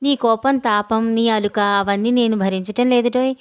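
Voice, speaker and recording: A woman's voice: a little high, fairly even intonation, normal speed, clear, resonant tone, no echo, studio quality, natural voice. A woman voicing a middle-aged male lawyer, a playful, teasing husband, in a storybook reading.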